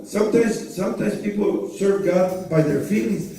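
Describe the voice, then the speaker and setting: A middle-aged pastor with a fairly high voice preaches a fervent sermon. He moves between Spanish and English and punctuates his points with amens. His voice rings through an echoing church hall, picked up from a distance. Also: a little slow, dark tone.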